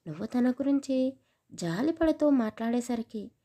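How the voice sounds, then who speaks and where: A woman's voice: fairly high pitch, animated, moderate pace, warm tone. A woman voicing a stern, angry young village man who scolds harshly in a storybook.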